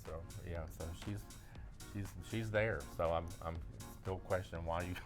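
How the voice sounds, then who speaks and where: Folksy man, low voice, casual guest florist who repeats himself, music behind. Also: steady tone, moderate pace. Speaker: florist guest demonstrating arrangements. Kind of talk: casual chat and demonstration.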